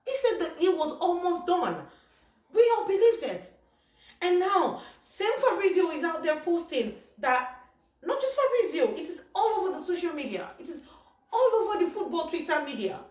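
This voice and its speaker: A woman's voice: extremely high pitch, sing-song, moderate pace, darkish tone. A woman vlogging about football in an upset, exasperated way, often repeating herself. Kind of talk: casual vlog commentary. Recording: echoey room heard from a distance.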